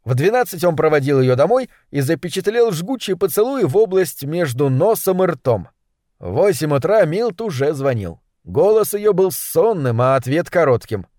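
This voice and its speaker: Man narrating a story, kinda higher voice, steady even reading, dry close sound. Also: normal speed, no room sound.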